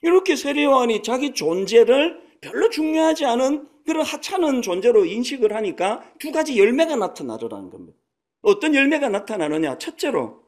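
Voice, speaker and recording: A man in his sixties preaching a sermon as a pastor, in a conversational storytelling manner that acts out quotes. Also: very high voice. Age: 60s. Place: church sanctuary.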